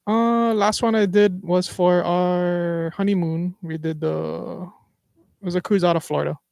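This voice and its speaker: A man's voice: high-pitched, steady tone, a little slow, vocal fry, a little mellow, smooth, no room sound. Easygoing local Hawaii man, dry sound. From Wai'anae, Hawaii. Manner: easygoing, hesitant with fillers. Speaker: podcast guest. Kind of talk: casual chat.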